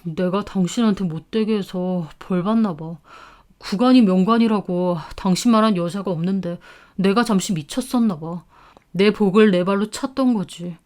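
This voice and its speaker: A woman voicing a regretful ex-husband who pleads in a low, sorry tone. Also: normal speed, a little mellow, natural voice. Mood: pleading. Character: remorseful ex-husband, man, whining.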